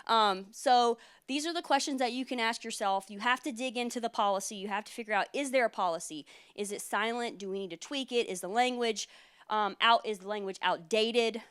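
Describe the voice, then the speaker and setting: Military lawyer lady presenting at a conference, kinda hoarse, smooth clear voice, lots of ums. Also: on the high side, brisk, a bit bright. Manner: earnest, explanatory, many fillers. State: losing her voice.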